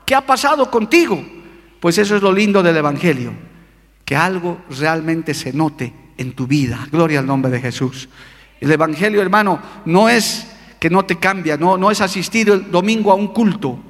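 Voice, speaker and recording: A man's voice: a little high, moderate pace, a bit bright, long reverb tail. A male pastor preaching a fervent sermon, calling out to his congregation for amens. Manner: fervent preaching with call-and-response.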